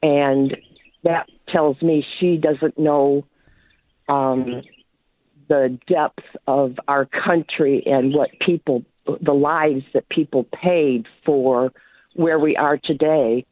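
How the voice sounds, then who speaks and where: A woman calling in to a radio show, voicing firm political opinions in a halting way with many ums. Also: low voice, steady tone, dry recording. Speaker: caller. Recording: phone line.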